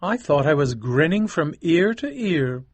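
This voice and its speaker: A man voicing a reserved, polite young gentleman in an audiobook, speaking with restraint. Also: on the high side, very animated, unhurried, breathy edge, no echo, heavily acted. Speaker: Winterbourne. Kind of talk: audiobook dialogue acting.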